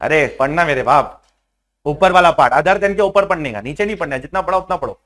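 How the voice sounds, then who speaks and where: A man's voice: sits high, animated, fast, fairly bright tone. A young man teaching a tax law class, mixing in English terms and constantly prodding his students to answer. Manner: mixes Hindi with English terms. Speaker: tax lecturer. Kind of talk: classroom lecture. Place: classroom with online students joining.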